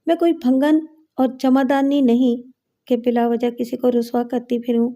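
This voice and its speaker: A woman's voice: a little high, level tone, dark tone, close to an everyday voice. A woman voicing a proud young village wife in a storybook, giving an earnest, pleading account.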